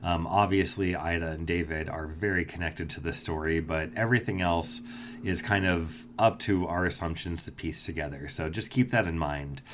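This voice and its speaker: A man's voice: sits low, normal speed, fairly bright tone, slight background noise. A man hosting a podcast about ghost tours, explaining the gear and story in an easygoing, skeptical way. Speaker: podcast host, ghost tour guide. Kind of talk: casual podcast chat.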